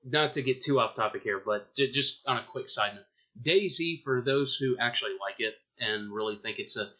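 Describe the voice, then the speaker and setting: A man's voice: medium pitch, sharp tone. Profane rambling young Southern guy. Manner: rambling, profane, restarts a lot. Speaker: podcast co-host. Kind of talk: casual chat. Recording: dull lo-fi podcast audio.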